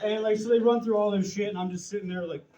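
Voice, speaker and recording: A man's voice: sits high, steady tone, fast talker. A young man doing stand-up on a club stage, telling a rambling, profane anecdote with chuckles. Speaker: stand-up comedian. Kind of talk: stand-up storytelling. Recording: roomy club with loud background noise.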